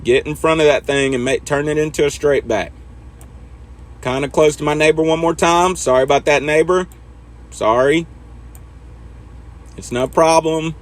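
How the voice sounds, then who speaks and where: With a higher-pitched voice at a moderate pace, a man leaves long pauses while he plays a trucking simulator. He's easygoing, talking to himself as he drives and casually teaching how to back up.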